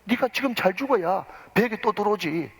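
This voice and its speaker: A blunt assistant director pressing a young actor, slow and insistent, as a preacher puts him on. The voice is husky, and a long church reverb trails behind it. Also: male voice, high-pitched, expressive, pitched above the performer's own voice, exaggerated voice. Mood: urging.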